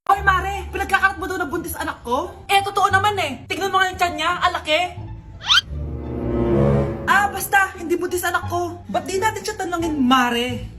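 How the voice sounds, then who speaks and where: High-voiced woman acting skits. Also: moderate pace. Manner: switches between mother, child and vendor characters. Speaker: comedy skit creator playing several roles. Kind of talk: comedic skit acting. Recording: music playing behind.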